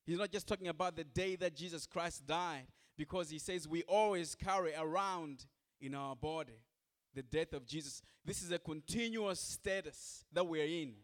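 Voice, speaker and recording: A male pastor delivering a sermon in a slightly higher-than-usual voice. He speaks in short, repeated phrases and turns often to the congregation with direct questions. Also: moderate pace.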